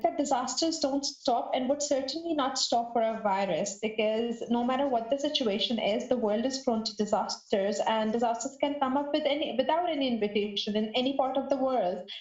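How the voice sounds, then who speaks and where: A fairly high-pitched woman speaks on a podcast panel, thinking aloud as she goes, with frequent restarts and fillers. Her voice sounds roomy and a little dull, like a lo-fi online call. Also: a little mellow. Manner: halting, restarts and searches for words. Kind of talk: unscripted answer to a question.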